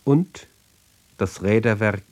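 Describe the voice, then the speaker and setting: A man reads narrative poems aloud in a lowish, slightly mellow voice. His phrasing is deliberate and measured, with pauses between short fragments.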